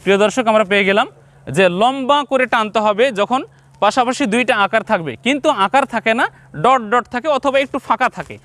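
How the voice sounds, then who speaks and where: Male teacher with a Bangladeshi Bengali accent, high-pitched, dry close recording, patient and repetitive, talks straight to viewers. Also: a bit bright, no echo. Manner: repeats each point slowly, addresses viewers directly. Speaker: Quran teacher. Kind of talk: step-by-step reading lesson.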